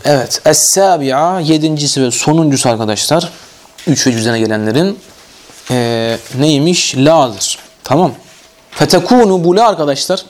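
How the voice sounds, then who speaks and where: A man with a Turkish accent teaching an Arabic grammar lesson in a classroom, often stopping to ask his students whether they have understood. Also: on the high side. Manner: questioning, checks understanding.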